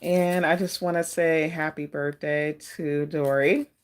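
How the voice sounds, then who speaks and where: Casting: fortune-teller type, androgynous mid-pitched voice, slow reflective delivery, casual live card readings for named viewers. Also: steady tone, slight background noise. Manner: fortune-teller style, addressing people by name, reflective.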